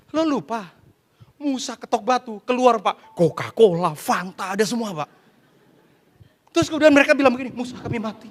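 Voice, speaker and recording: A man pastor preaching a dramatic sermon to a congregation, often calling out to his listeners as "sir". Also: sits high. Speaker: pastor giving a testimony sermon. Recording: long hall reverb with faint music.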